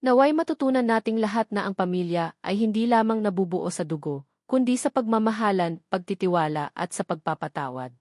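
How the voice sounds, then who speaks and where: A woman with a Filipino accent narrates a scripted dramatic story in a medium-pitched, somewhat dark voice, with lively intonation and a slightly fast pace. The recording is clean studio sound with no room echo.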